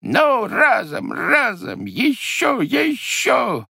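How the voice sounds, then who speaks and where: A man doing a stubborn old grandfather who grumbles and exclaims to himself, his voice pushed up high and leaping about. It sounds close and dry, with no room around it. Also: very animated, unhurried, fairly bright tone, no room sound, full character voice. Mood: exclaiming.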